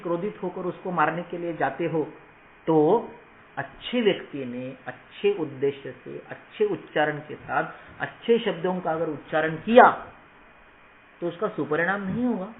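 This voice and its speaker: A man's voice: on the high side, roomy sound, narrow, tinny audio, slight background noise. A man teaching Ayurveda students in an emphatic motivational lecture, often asking the class rhetorical questions. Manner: emphatic, rhetorical questions, mixes English phrases.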